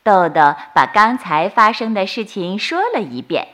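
A woman storyteller narrating a bedtime story for children in a slow, soothing manner. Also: mid-range voice, lively intonation, fairly bright tone. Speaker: storyteller host.

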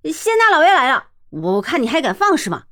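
A woman's voice: high voice, very animated, a little fast, dry recording, studio quality, pitched above the performer's own voice. A woman voicing a blustering, bullying middle-aged village headman in a storybook reading. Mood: shouting triumph. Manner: loud, bullying, stammering when scared.

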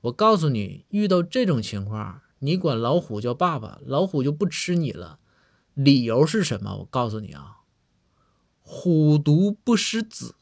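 A man's voice: medium pitch, sing-song, normal speed, vocal fry. A man voicing a pompous older magistrate who lectures with self-assurance. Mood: lecturing. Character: pompous older male magistrate Lord Bao.

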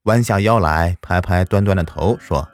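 A man narrating a folk tale as an audiobook storyteller, expressive and animated. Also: sits low, moderate pace.

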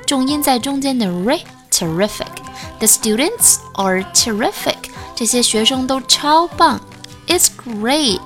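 Female English teacher, higher register, lesson delivery, drills phrases slowly, light music bed underneath. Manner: repeats English phrases slowly and carefully as pronunciation models. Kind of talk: spoken English lesson explained in Chinese.

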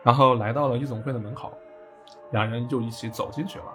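A man's voice: medium pitch, steady tone, fast, a bit bright, soft background music. A man casually retelling a video game story for a podcast, with jokey asides.

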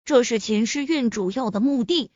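Woman reading a novel out loud, high animated voice, kinda muffled lo-fi. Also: normal speed, no echo. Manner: expressive storytelling, acts out the characters. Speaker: narrator. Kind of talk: reading a web novel aloud. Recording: slightly muffled lo-fi.

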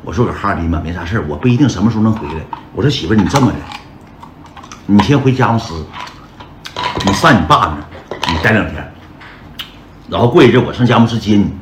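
On a livestream, a man with a fairly low voice and a Northeastern Mandarin accent recounts his own story, expressive and quick but with long pauses. He chats away, calling his viewers brothers again and again, amid background noise, roomy echo, and loud music.

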